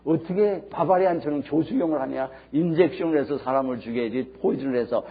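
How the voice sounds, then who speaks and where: A man preaching a sermon, telling stories with emphasis and swinging between hushed and loud. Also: fairly high pitch, a little fast, husky. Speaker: pastor. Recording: dull lo-fi sermon recording.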